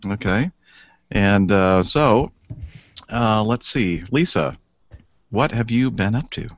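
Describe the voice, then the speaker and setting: Playful low-voiced man hosting a chat. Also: takes it slowly, no room sound. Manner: playful, chuckling, relaxed rambling with fillers. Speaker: host. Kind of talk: casual podcast chat. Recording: slightly dull lo-fi sound with faint music.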